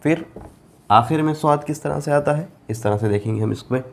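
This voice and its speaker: A man teaching Arabic letters as a Quran reading teacher, patient and repetitive, drawing out each letter name slowly. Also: fairly high pitch, creaky. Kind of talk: board lesson explaining Arabic letters.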